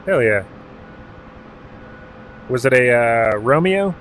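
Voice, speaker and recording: An Alaskan man streams a helicopter game, chatting casually and calling out clock directions and ranges in a relaxed, profane way. His voice is medium-pitched and slow, with a slight hiss or hum in the audio.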